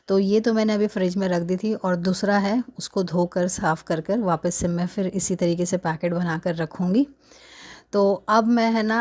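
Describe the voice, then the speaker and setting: Chatting casually through a recipe in her home kitchen, this cooking vlogger in her thirties fills her talk with tags such as "hai na". She has a mid-range voice with a darkish tone.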